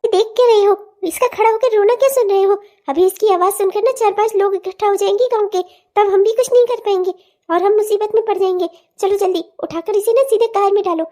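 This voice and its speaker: A greedy, cruel cartoon mother who talks in a sly, gloating way and snaps into harsh threats. The voice sits very high and has a mellow, dark tone. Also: a little fast. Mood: harsh, threatening. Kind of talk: cartoon voice acting.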